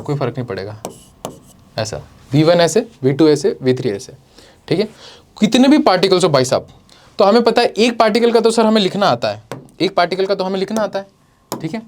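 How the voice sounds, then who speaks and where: A man with a voice on the high side teaches physics at a board, working through each step, with slight background noise. He poses questions and answers them himself, addressing students as "bhai sahab" and "beta".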